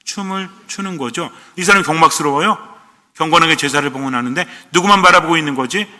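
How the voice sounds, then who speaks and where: Male priest giving a sermon, bright and slightly high, asking and answering his own questions, long church reverb. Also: fast talker. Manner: asks the congregation questions and answers them himself.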